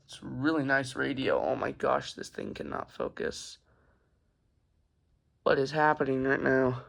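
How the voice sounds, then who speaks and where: His mid-range voice is gravelly yet fairly bright, and he takes his time. Holding a camera in a carpeted room at home, this hobbyist host gives a casual show-and-tell review without a script, rambling and hesitant.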